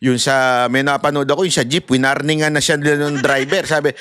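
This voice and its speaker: A man's voice: mid-range voice, level tone, fairly quick, fairly bright tone, dry recording, studio quality. A man in impassioned political commentary, ranting and mocking, with laughs and acted-out voices. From Philippines.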